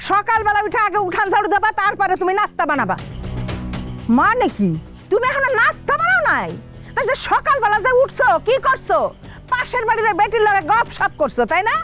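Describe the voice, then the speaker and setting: A woman's voice: very high-pitched, very animated, fairly quick, soft background music, full character voice. A woman playing a nagging village mother-in-law. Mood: scolding. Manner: sharp, nagging, bossy. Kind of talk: comedy drama acting.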